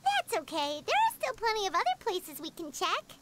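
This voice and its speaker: Paimon, a squeaky fairy sidekick. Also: female voice, huge pitch swings, moderate pace, loud music behind the voice, full character voice. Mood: eager. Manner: speaks of herself in third person, bouncy and eager. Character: tiny, chirpy, excitable girlish fairy companion. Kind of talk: game voice acting.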